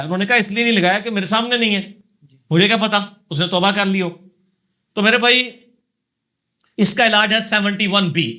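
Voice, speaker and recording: A man's voice: high-pitched, bright, forceful tone. A man, a religious scholar answering audience questions in a live session, lecturing emphatically and checking in with tag questions.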